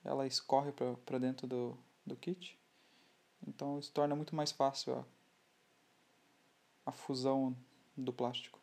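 Working at his bench, a Brazilian man narrates a model-building tutorial in a dark, mellow, middle-pitched voice with some creak. He speaks with a Brazilian Portuguese accent, relaxed and unhurried, often halting and restarting his phrases.

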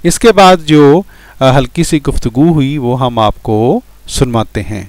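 A man's voice: mid-range voice, a little mellow, no room sound. A man hosting a commentary video, addressing his viewers directly and mocking his opponent. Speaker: channel host. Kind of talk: commentary on played voice messages.

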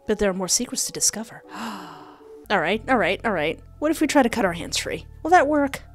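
A young adult woman hosts a gaming video with music behind her, alternating between dramatic read-aloud narration of on-screen text and casual let's play commentary. She's close on a desk microphone with a headset, speaking at medium pitch with big pitch swings and a fairly quick pace.

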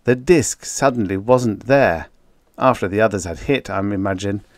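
A man voicing a calm but insistent male fighter pilot. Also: lowish voice, moderate pace, dry recording, studio quality, natural voice. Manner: earnest, insistent.

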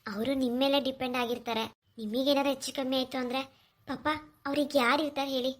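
A tender young village woman in a cartoon story, voiced by a woman. Her high voice stays soft and earnest. She sounds emotional and anxious for others. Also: flat delivery, fast talker. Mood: worried. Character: young village woman, gentle, tearful, caring. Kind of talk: cartoon voice acting.

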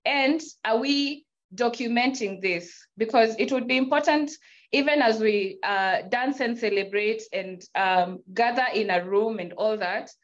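A woman's voice: fairly high pitch, measured pace. A woman making an earnest, challenging comment from the floor of a conference hall into a handheld mic. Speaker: conference attendee. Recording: dull, muffled sound.

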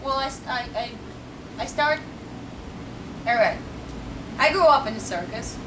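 A young woman from Kazakhstan, answering interview questions in halting English with restarts, in a small dressing room. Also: high-pitched, animated. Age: young adult. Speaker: guest performer. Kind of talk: casual interview. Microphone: camera mic from a few feet away. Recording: roomy, distant camera audio with loud hum.

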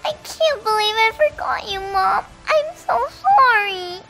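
A woman voicing a sweet, earnest young mermaid girl in an animated game story. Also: very high-pitched, unhurried, soft background music, exaggerated voice. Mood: emotional, amazed.

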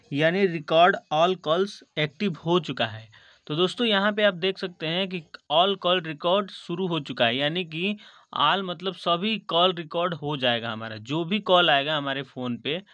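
Hosting a phone tutorial, this Indian-accented man walks through each step and keeps asking for confirmation, addressing viewers as friends. He speaks at normal speed in a slightly high, somewhat bright voice, recorded without echo.

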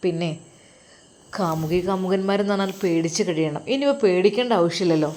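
A woman's voice: lowish voice, a little fast, darkish tone, slight background noise, pitched below the performer's own voice, natural voice. A woman voicing a scheming young husband who talks with a swaggering, teasing tone. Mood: smug.

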